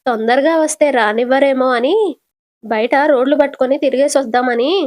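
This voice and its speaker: A woman's voice: high-pitched, fairly quick, a little mellow, natural voice. Woman doing a sarcastic irritable young daughter-in-law. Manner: sarcastic, snappish.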